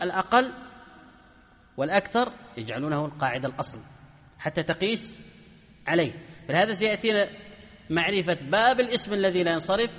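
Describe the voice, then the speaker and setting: A man's voice: sits high, a bit bright, in a large hall. A man teaching a grammar lesson to a class, often asking questions and answering them himself.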